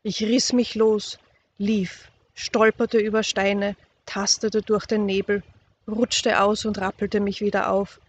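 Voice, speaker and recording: Slow, measured audiobook reader. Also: mid-range voice. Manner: calm, measured storytelling that drops softer in tense passages. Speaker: reader of a youth novel. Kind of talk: audiobook reading of a first-person youth novel. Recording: slightly dull recording with faint background noise.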